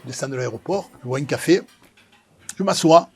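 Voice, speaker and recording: Husky Marseille-accented man, dramatic storyteller. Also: medium pitch, fairly quick. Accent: Marseille, southern French. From Marseille, France. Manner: dramatic, animated, repeats phrases for effect. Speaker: pizza maker telling his life story. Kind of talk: emotional personal storytelling.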